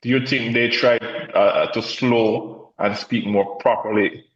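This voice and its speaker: Low monotone guy asking questions on a podcast, muffled lo-fi audio. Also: slow pace, a little hiss or hum. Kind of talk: casual podcast discussion. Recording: dull lo-fi sound.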